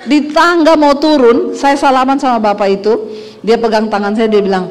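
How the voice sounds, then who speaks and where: A woman's voice: on the high side, normal speed, faint music behind. A middle-aged woman pastor preaching a sermon, telling a personal story with humor. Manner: lively storytelling that acts out dialogue with humor.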